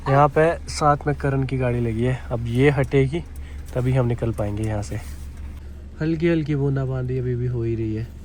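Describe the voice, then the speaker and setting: A man's voice: medium pitch, moderate pace, darkish tone, a little hiss or hum. A young man chatting casually as he vlogs his rainy day in the hills and a car ride, easygoing and teasing. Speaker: vlogger. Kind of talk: casual vlog narration. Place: outdoors in hills and in a car, rain.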